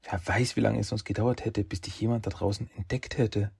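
A man's voice: fairly low pitch, steady tone, a little fast, gravelly, slightly rough, heavily acted. A man voicing a kind, caring young woman in an audiobook. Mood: warm. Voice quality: raised, soft voice.

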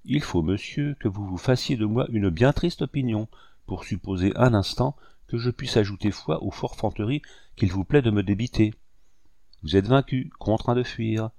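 A cold, ironic young officer , played by a man reading aloud, answers with open contempt. The tone is dark and low. It sounds dry and close to the mic. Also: normal speed, creaky, no echo. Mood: disdainful. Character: young disdainful male army captain. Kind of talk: audiobook character reading.

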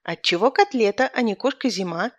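A woman's voice: on the high side, expressive, normal speed, no room sound, studio quality, pitched above the performer's own voice, close to an everyday voice. Woman doing a cheeky punning schoolboy. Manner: insistent punning questions. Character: cheeky boy schoolboy, pun-obsessed, sulky.

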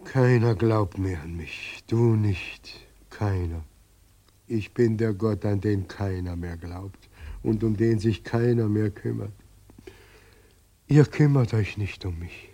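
An actor playing an old, weary God in a radio drama, speaking with slow, sorrowful helplessness. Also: male voice, lowish voice, warm tone. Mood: mournful. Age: older.

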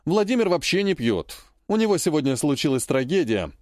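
A man's voice: a little high, very animated, a little fast, no echo, clean studio sound. A man reading a pushy, slightly drunk scheming man in an audiobook, insistent and mock-innocent. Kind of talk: audiobook character voice.

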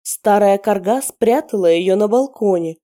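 A woman reader performs a spiteful female werewolf, voiced higher than the narration. Her delivery is sneering and taunting, with shrill edges, over a warm, mellow tone. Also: measured pace, natural voice. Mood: confessing. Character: scheming middle-aged female werewolf, spiteful and mocking.

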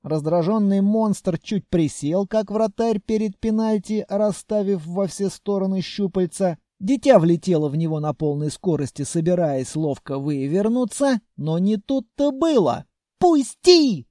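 Expressive male audiobook reader. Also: sits high, a little slow, few pauses, no echo, studio quality. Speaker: audiobook narrator. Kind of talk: fiction audiobook reading.

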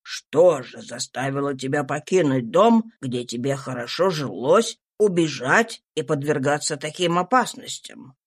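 A woman reading an audiobook voices a mild middle-aged husband, speaking low, slow and hesitant. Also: animated, husky, full character voice. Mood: questioning. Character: mild middle-aged male household head.

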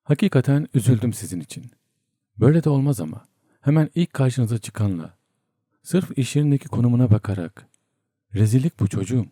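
A man reading a story aloud, playing a stern, authoritative elderly professor with a measured, commanding delivery. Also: medium pitch, animated, dark tone, no room sound, clean studio sound, close to an everyday voice. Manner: measured, commanding, at times roaring.

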